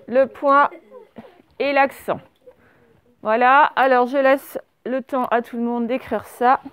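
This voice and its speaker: A woman's voice: high-pitched, steady tone, takes it slowly, a bit bright, clean tone. A woman teaching a dictation lesson to young children, patiently spelling out words letter by letter. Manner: patient and encouraging. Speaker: primary school teacher.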